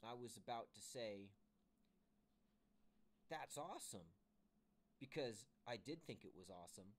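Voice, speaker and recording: A man reading a children's book aloud to his kids with expressive storytelling. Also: on the low side, a little fast.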